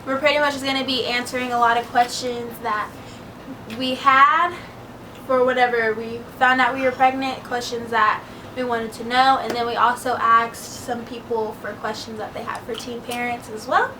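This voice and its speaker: A twenty-year-old woman chats easygoingly in a vlog Q&A, her voice sitting a little high and pausing on frequent ums. She sounds set back from the mic, with a clear hiss of background noise behind her. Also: flat delivery, bright, forceful tone, recorded from a distance, low-quality recording. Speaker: vlog co-host. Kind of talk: casual Q&A chat.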